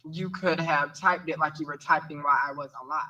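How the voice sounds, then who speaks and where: A woman's voice: low voice, steady tone, a little fast, bright, forceful tone, poor audio. A woman in her twenties, a caller who firmly stands her ground in an argument. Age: 20s. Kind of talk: heated on-air argument.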